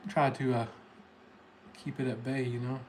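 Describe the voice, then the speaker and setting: This livestream host, a day trader with a Tennessee accent, talks casually to his chat viewers. His mid-range voice comes across flat at a normal speed, with a little hiss or hum in the audio.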